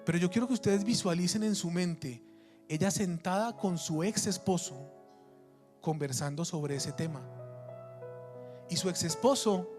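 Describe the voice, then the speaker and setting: A man delivers a sermon, recounting a story with emphasis and frequent restarts. His voice sits high for a man. Faint music plays underneath. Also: measured pace, long pauses. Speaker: preacher.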